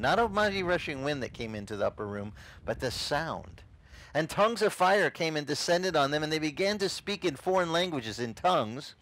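On a beach, a middle-aged pastor who isn't a native English speaker delivers a lively, informal sermon, gesturing and acting out the voices of those he quotes. His voice sits at a medium pitch, and the recording quality is low.

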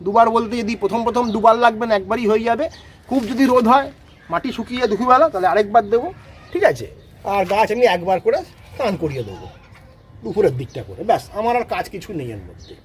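Fast, high-pitched man teaching. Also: expressive, a little hiss or hum. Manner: explanatory, repeats "ঠিক আছে?" to check understanding. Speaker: rose gardening expert. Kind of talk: casual outdoor demonstration.

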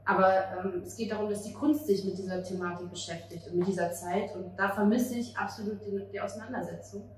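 A German woman in her thirties, a playwright and actress, gives earnest interview answers into a handheld mic held across an outdoor café table on a street at night. Her mid-range voice is quick, with fairly even intonation. The sound is roomy and distant, with street-side ambient noise.

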